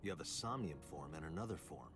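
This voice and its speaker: Game detective: bottom-register voice, gruff and deadpan, animated swings, music underneath. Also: male voice, very deep voice, fast. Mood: baffled, exasperated. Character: adult male detective, dry, skeptical and easily flustered. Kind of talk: English video game voice acting. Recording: music behind the voice.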